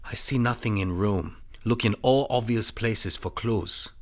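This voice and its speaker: A man's voice: on the low side, a little slow, noisy background, natural voice. Man acting a clipped detective, Charlie Chan. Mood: calm, shrewd. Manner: clipped broken English, dropped articles, aphoristic. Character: shrewd Chinese detective, soft-spoken, dispensing proverbs. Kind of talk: audio drama acting of a 1930s mystery.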